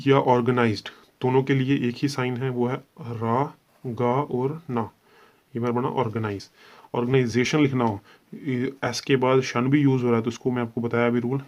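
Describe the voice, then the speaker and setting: Male shorthand tutor, patient and repetitive, spells out each sound slowly in an average-pitched voice. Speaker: shorthand teacher. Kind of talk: classroom-style lesson explaining at a board.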